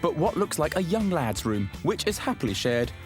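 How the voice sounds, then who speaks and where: Male TV property host with a bouncy, animated delivery who cracks puns and throws in theatrical asides while touring a house. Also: a little high, moderate pace, soft background music. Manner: playful, punning, theatrical asides. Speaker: property show presenter. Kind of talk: jokey TV presenting and narration.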